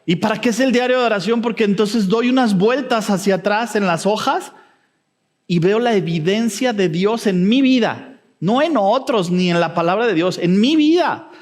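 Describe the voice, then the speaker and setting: A woman's voice: mid-range voice, moderate pace, darkish tone, big-room sound. A woman with a Mexican accent preaching a sermon earnestly, with light humor and frequent checks with her listeners.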